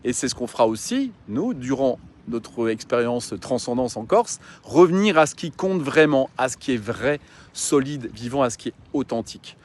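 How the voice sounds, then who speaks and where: This coach and mountain guide has a mid-range, darkish voice and is very animated, though his pace is normal. His casual, earnest talk to followers is full of fillers and restarts.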